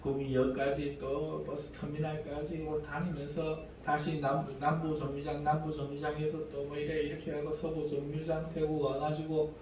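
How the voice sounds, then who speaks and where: A pastor in his forties preaches a sermon in a church sanctuary, sharing a personal testimony through dramatic storytelling and acting out prayers and quoted voices. His voice is on the high side and monotone, at normal speed with hardly any pauses. Recorded from a distant mic in an echoey church hall, with faint room ambience and background noise.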